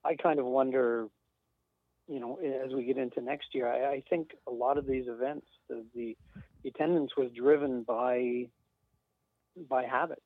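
A creaky, husky male voice of medium pitch speaks at normal speed with no echo. As a guest sales rep in a casual conversation, he wanders through his points with fillers and soft chuckles, sounding dry and tinny over what resembles a phone line.

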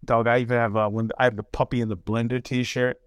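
Man, forties, podcast co-host, lively slangy chat, dry close mic. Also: medium pitch, fast talker, clear, resonant tone, dry recording. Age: 40s. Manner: animated, slangy, laughs easily.

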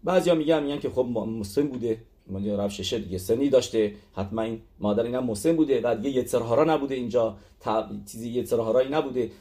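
A man's voice: mid-range voice, hardly any pauses, warm tone. A man teaching a religious text lesson, explaining step by step with frequent hesitations and fillers.

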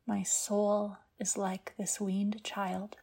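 Woman, guided meditation, sleep story narration, soft breathy near-whisper, mellow tone, creaky edges, gentle and unhurried. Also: medium pitch, completely flat delivery. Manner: hushed, gentle, unhurried delivery with long pauses.

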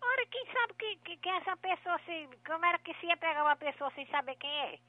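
A woman's voice: very high voice, expressive, brisk, no room sound. Suspicious woman on a tinny phone line. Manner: suspicious, exasperated. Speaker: prank call target. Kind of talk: phone call.

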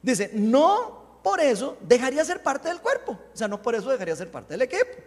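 A man preaching a sermon, praying aloud and reading scripture, with impassioned swings between loud lifted phrases and soft low prayer. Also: wildly swooping pitch, moderate pace. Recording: long hall reverb.

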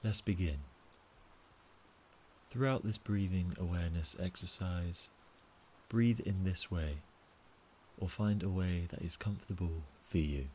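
A man calmly leading a guided breathing meditation, speaking softly and counting out each breath. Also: low voice, a little slow, long pauses, a little hiss or hum. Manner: calm, soft, counting out breaths. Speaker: relaxation guide.

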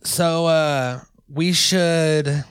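A man's voice: on the high side, fairly even intonation, drawn-out words, clean tone, dry recording. Dry-sounding man chatting casually. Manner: slangy, loose, joking. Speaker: co-host. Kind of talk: casual banter with product demonstration.

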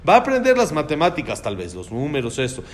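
A man's voice: fairly high pitch, huge pitch swings, fast talker. A man teaching a religious class on raising children, speaking emphatically and putting questions to his listeners. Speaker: Torah teacher.

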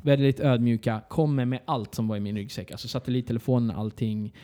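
A man telling a story in a casual podcast chat, animated, swearing and acting out dialogue. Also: mid-range voice.

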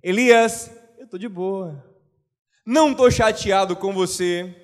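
A Brazilian man voicing a calm, reassuring male divine figure, speaking in a soothing, relaxed way. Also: high-pitched, slow pace. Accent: Brazilian Portuguese. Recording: long hall reverb.

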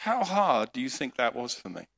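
A middle-aged man preaching a sermon, telling a personal story with dramatic swings between loud outbursts and hushed tones. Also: mid-range voice, very animated, moderate pace, gravelly. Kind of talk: sermon with live interpretation.

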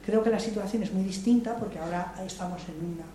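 An older Madrid woman, speaking fast in a mellow, mid-range voice, offers spontaneous political remarks during a public debate in a large hall. She's reflective and hesitant, with frequent restarts and repeated words. The recording picks her up from a distance in an echoey room with faint noise.

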